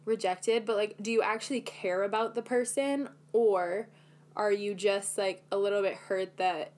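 A woman's voice: mid-range voice, fairly even intonation, moderate pace, a little mellow. A young woman co-hosting a podcast, telling a dating story in a chatty, self-mocking way with lots of fillers. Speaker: podcast co-host. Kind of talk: casual chat.

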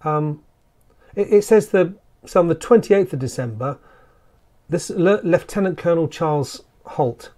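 A man with a slightly higher-pitched voice chats in a loose, digressive podcast style. He loves to explain where words come from and often wanders off into long asides. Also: lively intonation, measured pace, darkish tone. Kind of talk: casual podcast chat.

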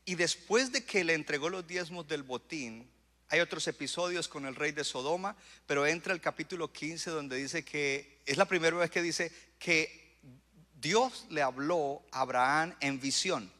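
A male pastor preaching a sermon, surging into loud emphatic bursts and calling out to the congregation. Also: on the high side, measured pace. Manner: preaching with rising bursts of emphasis and audience call-outs. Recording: long hall reverb.

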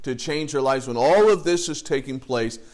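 A man's voice: medium pitch, normal speed, darkish tone. A male pastor preaching a sermon in a conversational way, with joking asides and lists read with rising emphasis.

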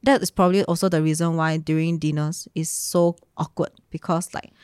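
A Singaporean woman talking casually and reflectively in Singlish, with lah and leh particles, in a halting, searching way. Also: low-pitched, level tone, a little mellow, clear, resonant tone, no echo, studio quality. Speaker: guest sharing personal story.

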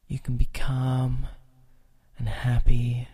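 A man guides a relaxation session in an extremely slow, drawn-out delivery. His voice is very dark and mellow and stays almost level in pitch. He is calm and soothing, sometimes sinking into a soft whisper. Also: husky.

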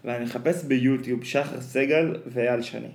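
A man hosting a podcast, telling animated stories in casual chat with plenty of fillers. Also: mid-range voice, creaky. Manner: animated storyteller, many fillers. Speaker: podcast host. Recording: roomy echo.

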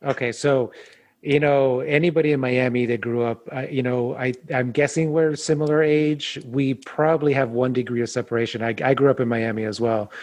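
A man's voice: mid-range voice, fairly even intonation, a little fast, darkish tone. A man co-hosting a casual podcast with dry, self-deprecating humor. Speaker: podcast co-host.

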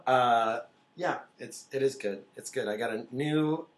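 A man's voice: medium pitch, unhurried. A man co-hosting a casual comedy podcast, rambling through a dating story with jokes. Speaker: podcast co-host.

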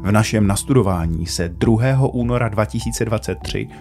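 A man presenting a culture news report as measured, formal scripted narration. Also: on the low side, gravelly, darkish tone, faint music behind.

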